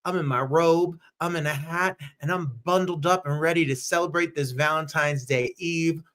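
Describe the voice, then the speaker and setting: Upbeat Midwestern male host, fairly high voice, chatty livestream from home. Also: fairly even intonation, moderate pace, fairly bright tone. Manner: upbeat, chatty, greets viewers by name. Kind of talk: casual livestream chat.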